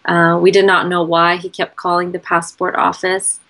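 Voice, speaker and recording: A woman from Iran who moved to the United States as a child, recounting personal testimony in an interview in an earnest, measured, halting way. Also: lowish voice, monotone, fairly bright tone. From born and raised in Iran until age nine, then moved to the United States. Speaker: interviewee telling her husband's story.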